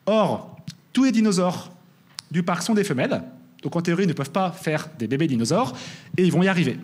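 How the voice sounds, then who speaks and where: A young man giving a lively conference talk, often checking in with "d'accord?". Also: high-pitched, brisk. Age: young adult. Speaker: conference speaker.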